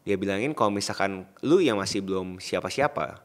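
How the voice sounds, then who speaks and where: A man's voice: sits low, expressive, brisk. A man co-hosting a podcast, talking casually in slang and putting probing questions to his partner. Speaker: podcast co-host.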